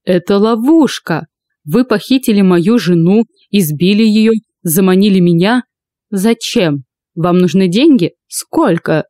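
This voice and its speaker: A woman's voice: medium pitch, lively intonation, a little slow, dark tone, no echo, close to an everyday voice. A woman doing a blustering suspicious man. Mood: accusing. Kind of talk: audiobook character voice.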